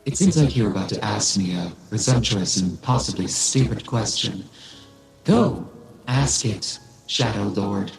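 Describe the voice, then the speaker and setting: A man with a gravelly, fry-laden voice runs a tabletop game, letting his lines roll out slowly and deliberately. Soft music plays underneath him. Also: on the low side, rough recording. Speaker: game master. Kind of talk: narrating and voicing characters in a tabletop game. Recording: faint background music.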